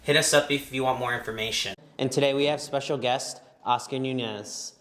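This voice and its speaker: A man's voice: mid-range voice, steady tone, fairly quick, a bit bright, in a large hall. A man hosting a real estate podcast, talking casually with lots of fillers. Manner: chatty, filler-heavy, conversational. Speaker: podcast host.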